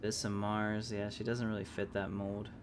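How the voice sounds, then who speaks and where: A game livestreamer hosting his stream gives casual commentary as he plays, thinking out loud and hesitating over his choices. His voice is lowish with little pitch movement, his pace is moderate, and there's background noise.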